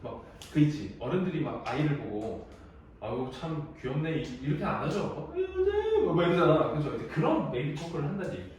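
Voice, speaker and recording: A man's voice: a little high, expressive, brisk, a little mellow, recorded from a distance. A young adult man teaching an English exam lesson in a casual, chatty way, laughing often as he tells stories. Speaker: high school English teacher. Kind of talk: casual classroom lecture. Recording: very echoey room, voice from the mic, faint noise.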